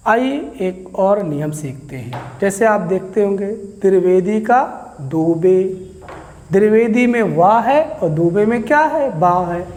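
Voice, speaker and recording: A man's voice: high-pitched, a little mellow, big-room sound. A man teaching Hindi grammar to a class, who asks questions and answers them himself. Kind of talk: classroom lecture.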